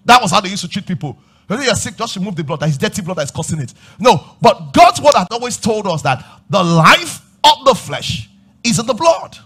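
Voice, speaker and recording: A man preaching a sermon on a church stage, asking the crowd questions and rising to shouts as he moves about. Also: high voice, very animated, fairly quick, breathy edge. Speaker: pastor. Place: large church stage with audience.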